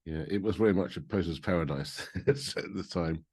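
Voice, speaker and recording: Very deep-voiced male interviewer. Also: moderate pace, darkish tone, husky. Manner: brief backchannels and short reminiscences. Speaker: interviewer and keyboard player. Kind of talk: casual interview chat.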